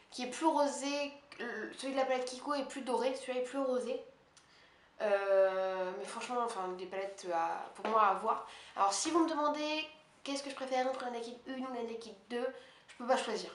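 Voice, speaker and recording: A woman beauty vlogger talking quickly and casually at home, chatty and poking fun at herself. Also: on the high side, fairly bright tone. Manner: fast, chatty and self-mocking. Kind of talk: casual monthly favorites haul chat. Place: her apartment. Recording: echoey room with faint hiss.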